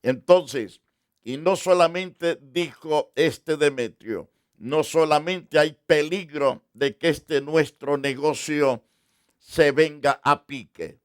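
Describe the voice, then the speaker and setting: A man preaching a sermon as pastor, slow and deliberate, with emphatic repetition. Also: fairly high pitch, smooth, no room sound, studio quality.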